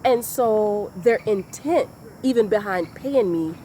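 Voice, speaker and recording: A woman giving a motivational talk in a deliberate, repetitive, emphatic way. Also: mid-range voice, expressive, dark tone, a little hiss or hum. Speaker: motivational speaker.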